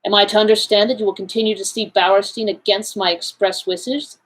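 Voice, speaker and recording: A woman's voice: mid-range voice, steady tone, a little fast, lightly acted, poor audio. A woman reading as a strained, pleading husband. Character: agitated, pleading English gentleman husband.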